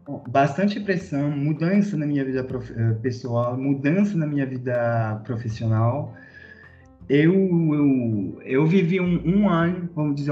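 Speaking with a French accent, a man from France in his thirties, a corporate director, shares his career path on a podcast, stumbling through fillers and restarts. His voice sits on the high side but has a dark tone, and the sound quality is lo-fi.

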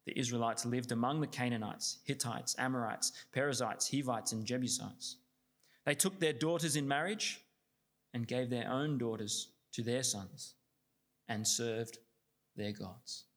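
A man's voice: medium pitch, a little slow. A man reading scripture steadily, then preaching with many fillers and restarts.

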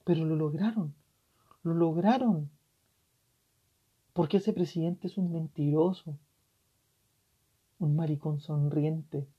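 A tearful man with a Chilean accent hosting a solo podcast, ranting passionately and swearing, his voice swinging from loud to hushed. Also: on the high side, slow pace, long pauses, husky. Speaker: podcast host. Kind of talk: emotional solo podcast rant. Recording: dull lo-fi recording.

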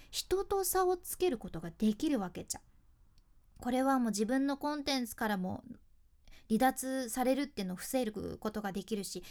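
A young woman with a Hakata accent talks through speaking tips on her podcast. Her voice sits high and swoops lively up and down. She chats with listeners like a friendly coach, sometimes slowing right down to demonstrate each vowel. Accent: Hakata dialect of Fukuoka. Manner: chatty, teacherly, demonstrates vowel sounds slowly. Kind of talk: casual spoken podcast lesson.

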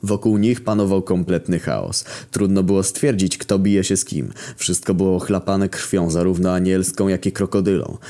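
A man narrating a crude, darkly comic story in a wry, deadpan way. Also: deep voice, moderate pace, few pauses. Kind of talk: casual profane story narration.

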